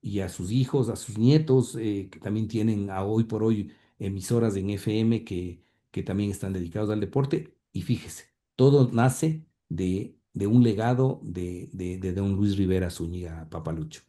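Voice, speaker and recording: Speaking at a moderate pace with hardly any pauses, the pioneer's grandson recounts family history in a conversational interview, though he still stumbles with fillers and repeated words. His voice is low and dark, with fairly even intonation.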